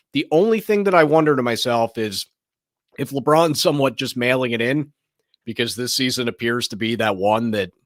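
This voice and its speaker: A sports show host offers casual, opinionated commentary, rambling and frequently restarting sentences. His mid-range voice is slightly hoarse and raspy with a bit of brightness, captured in clean studio sound without echo.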